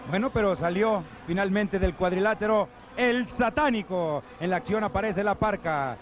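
Mexican man, high-voiced wrestling commentator. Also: normal speed. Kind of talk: live lucha libre commentary. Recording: noisy old TV broadcast, arena ambience.

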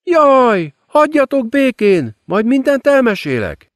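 A man's voice: very high voice, very animated, no echo, studio quality, voice pushed up. Man putting on a gloating female demon queen. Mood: sweetly false. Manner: mocking, gloating.

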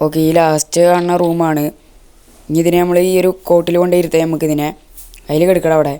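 Warm, smooth-voiced man joking through gameplay. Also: fairly high pitch. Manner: joking, playfully scolding the game baby. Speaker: gaming channel host. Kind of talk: casual gameplay commentary.

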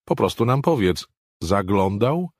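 A blunt police chief in a thriller audiobook who prods others for answers, as a male narrator puts him on. The voice is deep and slightly husky. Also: big pitch swings, measured pace, dry recording, studio quality, heavily acted. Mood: demanding. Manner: blunt, pushy.

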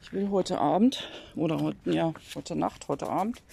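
A woman's voice: low-pitched, moderate pace, vocal fry, warm tone, slight background noise. A woman keeping chickens, calling them in with coaxing sing-song calls and muttering asides to herself outdoors by the run. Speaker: hobby chicken keeper. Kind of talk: casual running commentary.

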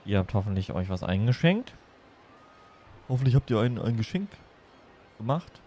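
A man's voice: fairly low pitch, very animated, normal speed, dark tone, a little hiss or hum. A man chatting casually and playfully as he livestreams a game, rambling from one thing to the next. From Germany. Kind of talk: casual chat while streaming a game.

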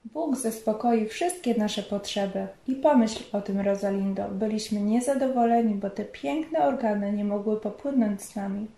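A woman reading the lines of a cheerful, steady young male missionary in a storybook reading, in a calm, reassuring manner. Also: mid-range voice, moderate pace, few pauses, close to an everyday voice. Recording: roomy echo.

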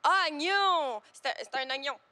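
Giggly rushed amateur joker; high, bright, reverb. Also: female voice, lively intonation, full character voice. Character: giggly amateur female joke teller.

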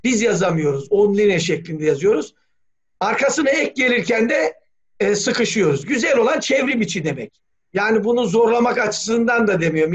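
A man speaking as a language scholar in an academic meeting, talking thoughtfully with many hesitations. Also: sits high. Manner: thoughtful, hesitant, frequent "e" fillers, spells words letter by letter. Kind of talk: academic discussion on a video call. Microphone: video call. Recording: dull lo-fi video call audio.

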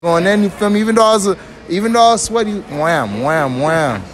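A man's voice: high voice, lively intonation, brisk, noisy background. Bragging young man in a mall. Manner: boastful, repeats "you feel me". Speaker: interviewee. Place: indoor shopping mall.

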